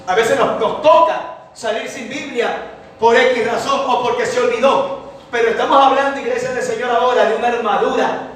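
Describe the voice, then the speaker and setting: A man preaches an emphatic sermon, weaving in his own testimony. His voice booms around a very echoey hall and reaches the mic from far off. A faint hiss sits under it. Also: a bit bright. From Ecuador. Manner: emphatic preaching, tells a personal testimony, repeats "a su nombre". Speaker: evangelist preacher.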